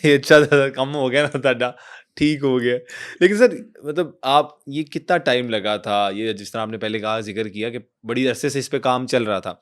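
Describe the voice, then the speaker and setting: A man hosting an interview in a medium-pitched voice. He is respectful and deferential, calling his guest sir and pressing him gently for more of the story. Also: few pauses. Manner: respectful, addresses guest as sir, prompts for stories. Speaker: interview host. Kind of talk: interview questions.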